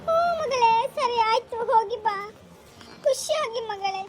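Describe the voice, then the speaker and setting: A performer putting on the voice of a village mother in a cartoon, softly comforting her daughter as she leaves. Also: very high voice, measured pace, voice pushed down. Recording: loud background noise.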